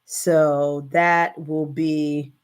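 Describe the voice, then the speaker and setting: A middle-aged woman hosts a casual live stream and chats in an easy, unhurried way. Her voice sits a little low, and she greets viewers by name and fills pauses with "um" and "uh". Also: level tone, clean tone. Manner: chatty, greets viewers by name, many fillers. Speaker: host of a live stream show.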